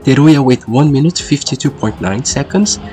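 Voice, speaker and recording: A man's voice: mid-range voice, lively intonation, normal speed, warm tone. A man hosting race qualifying commentary while sick, with a congested, duck-like voice. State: sick with a lingering cold. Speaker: sim racing commentator and host. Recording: music behind the voice. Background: background music.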